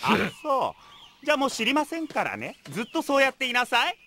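A man's voice: very high-pitched, huge pitch swings, fast talker, sharp tone, heavily acted. A man voicing a hot-headed, loyal teenage schoolboy in an anime, with a brash delivery. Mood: exasperated. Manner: brash, exclamatory. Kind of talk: anime voice acting.

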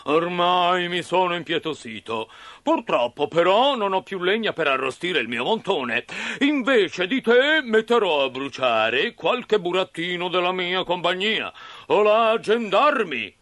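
A man voicing a huge bearded puppet master, gruff and booming, talking slowly. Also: big pitch swings, fairly bright tone, dry recording, full character voice. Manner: booming, slow, growling.

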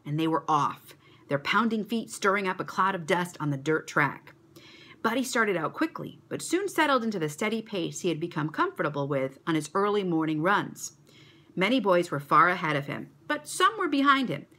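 A woman reading a children's story aloud to a church kids' club, expressive and animated. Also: mid-range voice, husky.

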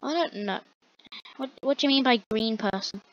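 A woman's voice: on the high side, moderate pace. Exasperated young girl, gaming commentary. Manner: exasperated, rambling, talking to a friend off-mic. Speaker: gamer. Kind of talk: casual gameplay commentary. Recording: dull lo-fi dry recording.

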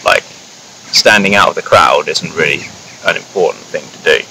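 Young male guest from New Zealand, very low voice, laid-back, outdoor noise clearly behind. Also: moderate pace, low-quality recording. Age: young adult. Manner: relaxed, rambling, fills with "like" and "kinda". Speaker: guest, engineering student. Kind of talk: casual interview. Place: outdoors in a grassy field.

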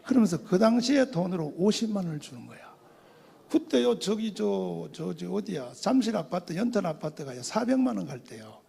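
An older man preaching a testimony with a high, gravelly voice. It sounds husky and a little breathy, and the long reverb of a big hall trails after his words. He tells the story with animation and acts out the people he quotes. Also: sing-song, normal speed, dark tone. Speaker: pastor giving testimony. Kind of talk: testimony sermon.

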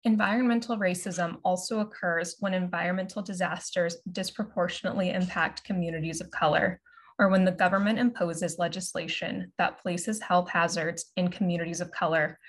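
A woman moderating a virtual panel, reading a prepared introduction aloud in a measured, formal way over a video call. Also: on the low side. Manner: measured, formal presentation of a written script. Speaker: moderator and curatorial assistant. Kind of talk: prepared talk read aloud.

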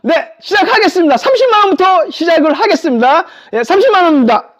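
An excitable live-stream auctioneer selling furniture, calling out bids and repeating prices. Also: extremely high pitch, quick pace. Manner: excitable, exclaiming. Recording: dull lo-fi live-stream audio.

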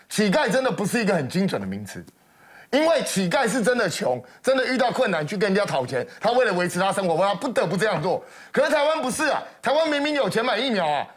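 A man with a Taiwanese Mandarin accent giving heated talk show commentary in a television studio, scornful and full of sarcastic rhetorical questions. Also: sits high. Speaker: political commentator.

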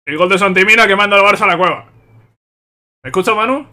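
Guy streaming football reactions, high voice, gets loud and giddy at goals. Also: fast. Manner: excitable, shouts at goals, laughs a lot. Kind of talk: live football reaction commentary.

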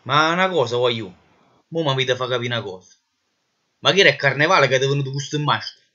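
Casting: male actor as a bullying Neapolitan marshal, theatrical and sarcastic, forceful tone, parody dub. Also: medium pitch, fast, lightly acted. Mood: exasperated. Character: exasperated, bullying police marshal berating a rule-breaker. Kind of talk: comic parody dub of a fantasy film. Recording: muffled lo-fi dub.

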